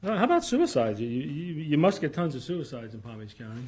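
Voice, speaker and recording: Halting male lawyer in a courtroom recording. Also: a little high, very animated, a little mellow, slightly rough. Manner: halting, repeats words, pressing questions. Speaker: defense attorney cross-examining. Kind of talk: courtroom cross-examination.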